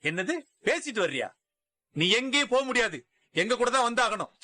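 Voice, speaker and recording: Bossy cop, sharp and forceful, higher-pitched. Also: male voice, sing-song, a little fast, full character voice. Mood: commanding. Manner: gruff, commanding, taunting. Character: brusque police officer making an arrest. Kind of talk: TV serial acting.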